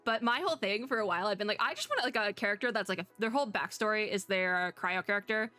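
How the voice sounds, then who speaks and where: Fast and sharp, with a mid-range voice, this young streamer rambles and thinks aloud while reacting to game previews. Her commentary is loose and slangy, and background music runs underneath her voice.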